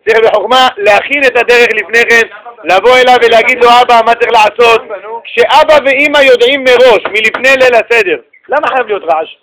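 A rabbi giving a lively, humorous religious lesson, telling stories and joking with his listeners. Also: very high voice, a crowd in the background, low-quality recording. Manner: animated, joking storyteller addressing the audience.

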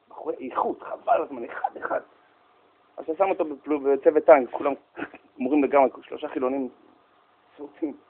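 A man giving a humorous storytelling talk, animated and jokey, speaking straight to his listeners. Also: fairly high pitch. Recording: tinny phone-like sound.

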